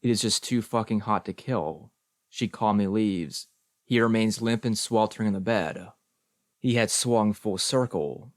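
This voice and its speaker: A man reading experimental prose for an audiobook, slow and deliberate, in measured, clipped phrases. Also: fairly low pitch, no echo, clean studio sound. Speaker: audiobook reader.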